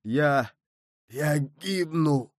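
A man's voice: fairly high pitch, slow pace, no room sound, studio quality. A man voicing a desperate young male villain drowning and pleading for help, with breaking cries.

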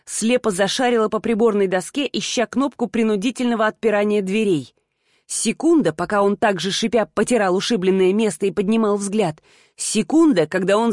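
Casting: woman audiobook narrator, medium pitch, steady first-person storytelling, dry close mic. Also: no echo.

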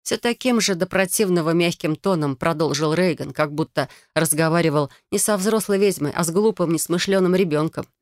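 A woman narrating a first-person fantasy novel in an expressive, emotional reading. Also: fairly low pitch, brisk, few pauses, no room sound, studio quality. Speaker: audiobook reader.

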